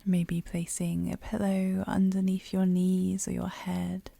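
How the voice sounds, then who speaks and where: In a guided yoga nidra meditation, a woman speaks in a lowish, very dark and velvety voice, soft and breathy almost to a whisper. She stays monotone, moving slowly and soothingly with gentle pauses between phrases. The recording is close and dry.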